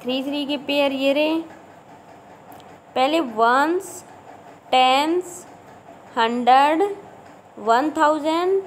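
Patient woman teacher with a Haryanvi Hindi accent, explaining place values slowly, pausing on "okay.". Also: high-pitched, a little hiss or hum, rough recording. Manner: slow, patient, repeats numbers and "okay" checks. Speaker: school math teacher. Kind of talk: classroom math lesson in Hindi-English mix.

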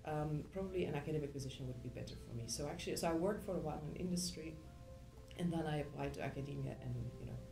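Low-voiced woman from Belgium, echoey room. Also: racing, vocal fry, over music. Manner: thoughtful, many ums and restarts. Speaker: engineering professor. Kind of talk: interview answers. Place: indoor room.

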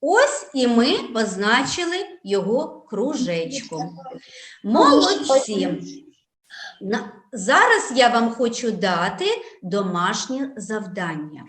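Woman preschool teacher, high lively voice, patient and slow, echoey room. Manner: slow, patient, sing-song sounding out of syllables. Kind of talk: online preschool reading lesson.

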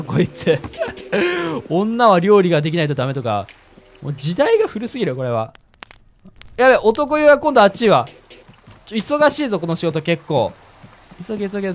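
A man's voice: high-pitched, slight background noise. A young man chatting casually and reacting jumpily as he plays a horror game, with game music behind.

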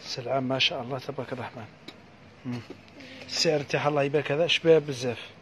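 A man with an Algerian accent giving a live sales pitch for housewares, reeling off prices in a quick patter full of repeated blessings. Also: fairly even intonation, a little hiss or hum. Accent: Algerian Arabic. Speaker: housewares shop seller.

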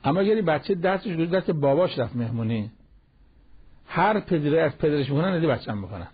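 A man's voice: on the high side, expressive, slightly rough. A man giving a Quran commentary lesson, explaining each phrase and repeating key words for emphasis. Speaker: Quran teacher. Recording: dull lo-fi broadcast audio.

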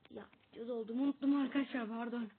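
A woman plays a game on stream and talks at a slow, drawn-out pace, scolding her teammates and chatting with viewers. Her voice sits a little high, with a gravelly fry in it. It comes through a thin, phone-like mic with faint noise behind it. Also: steady tone, faint music behind. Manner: talks to the screen, shouts at teammates, chats with viewers. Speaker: gaming streamer. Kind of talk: casual gameplay commentary.

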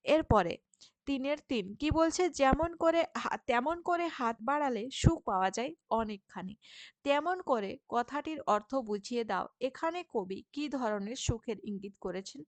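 Woman teacher, high voice, patient classroom explaining, dry close sound. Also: lively intonation, no echo. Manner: patient, checks understanding with frequent "okay?"; sounds out syllables slowly, repeating words. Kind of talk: classroom lesson explaining textbook answers.

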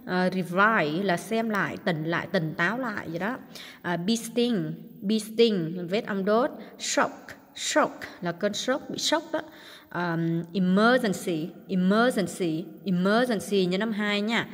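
Woman English teacher, Vietnamese accent, unhurried drilling delivery, lingering hall echo. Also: mid-range voice, a bit bright. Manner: repeats each English word slowly, then gives its meaning; frequent hesitation fillers. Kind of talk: vocabulary lesson. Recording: long hall reverb.

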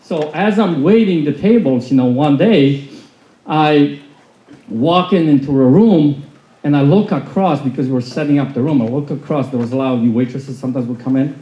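A Polish-born motivational speaker tells his story loudly and animatedly to a seated audience in a large conference hall, with a fairly high voice at a moderate pace. He uses a handheld mic and is filmed from the back of the room, so the sound is echoey and dull.

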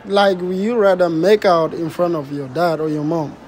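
A high-voiced man runs a casual street interview outdoors in the city. He asks cheeky questions in a teasing tone and laughs easily along with the people he stops. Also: steady tone, normal speed, a little mellow.

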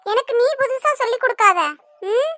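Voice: extremely high pitch, normal speed, sharp tone, no echo. A performer voicing an angry, scornful mother who harshly scolds her son's friend in a cartoon. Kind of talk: cartoon voice acting.

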